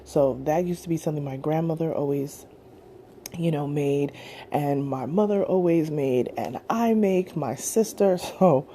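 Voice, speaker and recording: A woman hosting her podcast in a soft, quiet voice, slipping into whispers while she eats breakfast. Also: unhurried, slight background noise. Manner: low, quiet voice that drops into whispers; eating breakfast while talking. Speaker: podcast host. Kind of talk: soft-spoken casual chat.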